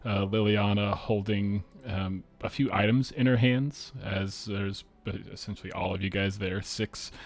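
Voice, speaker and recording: Low-voiced man running a tabletop game. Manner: relaxed, many fillers. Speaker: game master.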